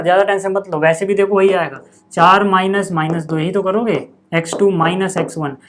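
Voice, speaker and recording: Chatty male maths teacher. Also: high voice. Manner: chatty, repeats 'theek hai' and 'yaar' to students. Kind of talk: board lesson.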